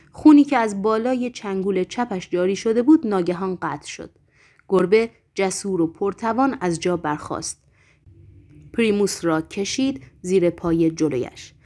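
A woman narrating a novel as an audiobook, with measured, dramatic storytelling. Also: medium pitch, a little mellow. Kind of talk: scripted literary narration.

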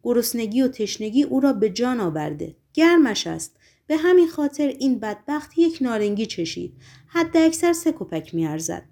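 A woman's voice: a little high, sing-song, warm tone. A woman reading aloud, voicing a sly, showy male con man who makes mocking, whining speeches.

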